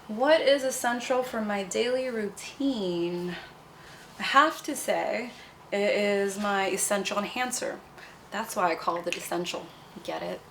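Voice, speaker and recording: A woman's voice: mid-range voice, a little slow. Young woman from nepal chatting about her brand, bubbly and chatty, faint hiss behind. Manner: bubbly, chatty, fond of fillers like "you know". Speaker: cosmetics brand founder. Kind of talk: casual interview answers.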